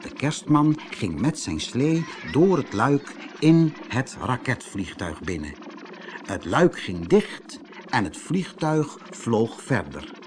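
A man with a Dutch accent from the Netherlands reads a scripted children's fairy tale aloud, telling it expressively. His voice sits in the mid range, and there's a faint hiss or hum.

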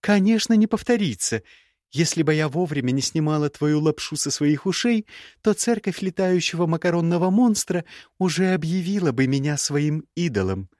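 A male reader voices an icy young sorceress in an audiobook, scornful and mocking as he cuts down her former lover with a high pitch that swings widely. The delivery is animated, at a moderate pace, with a darkish tone close to an everyday voice, full of cutting, icy sarcasm. The recording is dry and close, with no room sound.

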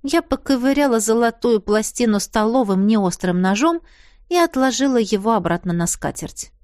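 A woman reading a first-person fantasy novel aloud as an audiobook narrator, with a lively, expressive delivery. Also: a little high, no room sound, studio quality.

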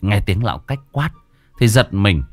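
Brief: male storyteller, ghost story narration, animated pitch, dry close sound, faint music behind. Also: normal speed, no echo. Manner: lively, dramatic storytelling.

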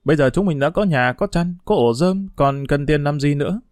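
A man reading a storybook aloud and voicing a cheeky, excitable street boy in a raised, exclaiming voice. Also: fairly quick, clear, resonant tone, dry recording, studio quality, close to an everyday voice. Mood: excited. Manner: exclaiming, brash, high-pitched.

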